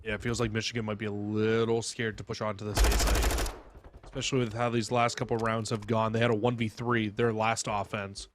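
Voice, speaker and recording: A man's voice: lowish voice, little pitch movement, brisk, heavy background noise. A man giving live esports commentary and analysis as a caster, emphatic and opinionated, stressing points by repetition.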